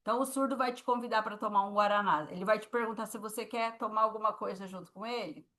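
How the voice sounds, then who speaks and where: A Brazilian-accented woman teaching a class in a patient, explanatory way, pausing often to make sure her students follow. Her voice sits at a middle pitch and sounds plain, with nothing unusual in its tone. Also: steady tone, fairly bright tone. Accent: Brazilian Portuguese. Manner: patient, explaining, with frequent check-ins. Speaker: sign language teacher.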